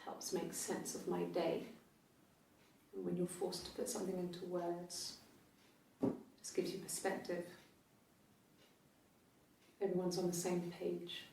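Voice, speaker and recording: A measured, guarded wife answers questions on police video. Her voice sits low and sounds distant, with the room's echo around it. Faint hiss lies under the recording. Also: completely flat delivery, gravelly, warm tone. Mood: reflective. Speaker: interviewee in a police tape. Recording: roomy, distant game audio behind the player.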